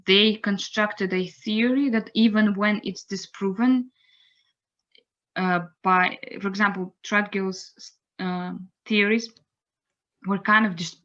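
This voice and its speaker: A young woman giving an online lecture, unhurried and pausing to search for words. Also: mid-range voice, a bit bright. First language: Russian. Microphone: computer mic on a video call. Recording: slightly dull video-call audio.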